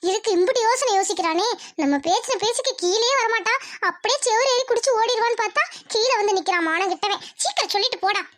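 Super high squeaky voice, young cartoon girl plotting, sneaky side comments, dry close sound. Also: fast, fairly bright tone, dry recording. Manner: scheming asides muttered between polite lines. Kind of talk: Tamil cartoon dubbing with asides.

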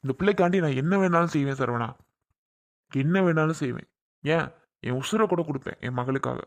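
A man's voice: fairly high pitch, moderate pace, a little mellow, close to an everyday voice. A man playing a protective father in a family drama skit, speaking earnestly and emotionally for his daughter. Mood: pleading.

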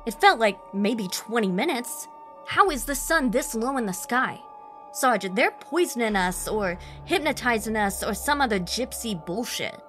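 A woman's voice: on the high side, lively intonation, measured pace, a bit bright, faint music behind, pitched above the performer's own voice. Woman doing a furious male soldier, swearing, scornful, raised strained voice. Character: angry defiant male WWI soldier, cursing.

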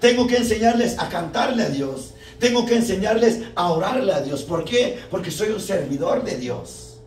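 A young preacher with a high, expressive voice addresses a parish group in a church hall at normal speed, his fervent sermon full of rhetorical questions. The mic sits far off, capturing room echo and faint noise.

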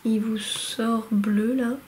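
This woman's voice is a little high and a little mellow, with fairly even intonation and a slow pace, on a rough recording with some hiss or hum. In a casual vlog from a window-lit room at home, she shows her latest yarns, chatting hesitantly with lots of fillers and restarts.

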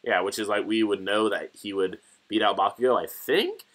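A young man with a low voice chats casually about an anime episode with friends. He keeps saying "like" and jumps into loud, animated impressions of the characters. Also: moderate pace. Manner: animated, acts out quoted characters in raised voices. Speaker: co-host of anime reaction channel. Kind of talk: casual chat.

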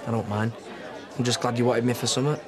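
A man's voice: mid-range voice, little pitch movement, quick pace, natural voice. A man playing a loyal, awkwardly devoted lad in a TV soap. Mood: earnest, hurt. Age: 20s. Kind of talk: naturalistic TV soap acting. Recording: pub chatter behind.

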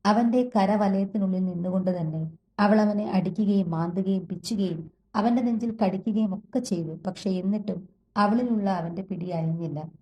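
A woman reading a romance audio story aloud in measured, even scripted narration. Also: medium pitch, low-quality recording.

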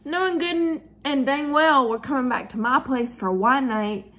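Woman, 20s, makeup vlogger: giggly drunk, animated and slangy, chatty rambling delivery. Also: sits high, moderate pace. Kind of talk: casual chatty makeup tutorial. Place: living room at home, high ceiling.

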